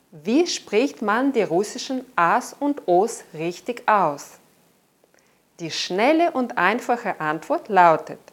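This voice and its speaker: A woman giving a careful, clearly enunciated lesson as a language teacher in scripted narration. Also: medium pitch.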